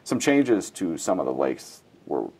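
A man's voice: low voice, sing-song, unhurried, a little mellow, husky. A man hosting a studio interview, posing short scripted questions. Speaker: host. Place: studio set, indoors.

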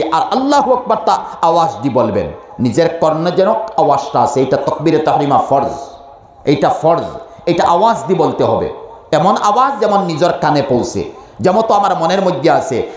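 Animated Bengali preacher in an echoey room. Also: male voice, high voice. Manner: explaining, repeatedly asks listeners if they understand. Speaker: Islamic preacher. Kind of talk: sermon.

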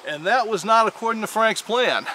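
A man hosting a firearms video, telling an old frontier tale in a folksy, animated way. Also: high-pitched, normal speed, very noisy. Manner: animated storyteller, with dramatic shouted quotes. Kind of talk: folksy historical storytelling.

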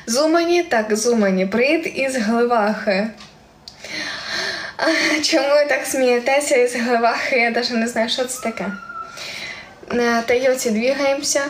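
A young woman from Ukraine speaking with a central Ukrainian surzhyk accent, chatting casually on a live stream and reading viewer comments aloud with frequent giggles. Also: on the high side. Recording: echoey room with faint ambient noise.

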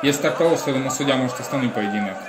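A man's voice: mid-range voice, rapid-fire, a crowd in the background, background noise. A man giving live commentary on a combat sports bout as the lead commentator. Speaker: fight commentator. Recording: roomy echo, music behind.

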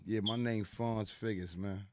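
A middle-aged man from New York City, with a New York accent, is a guest in a casual interview, speaking in laid-back street talk full of "you know what I'm saying" fillers. His voice is low, darkish and marked by vocal fry. The studio mic on a boom arm captures a dry sound with no echo in a small indoor studio lounge with plants.

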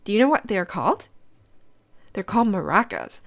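A woman with a very animated mid-range voice, speaking at normal speed, reads picture books aloud to children, giving simple instructions and asking them questions.

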